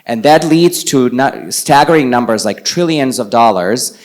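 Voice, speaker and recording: A man's voice: mid-range voice, unhurried. Man from Bosnia, non-native English speaker, presenting at a conference, easygoing and conversational, mid-range voice. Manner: relaxed, conversational, walks around while speaking. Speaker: panel speaker on climate finance. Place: conference venue with a live audience. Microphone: handheld microphone.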